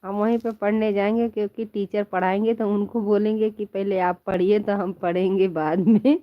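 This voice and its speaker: A woman's voice: mid-range voice, steady tone, moderate pace, dry recording, highs cut off. A woman chatting playfully with viewers on a live stream from bed at home, laughing often and calling them her children. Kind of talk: casual live chat with viewers. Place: at home in bed under a quilt.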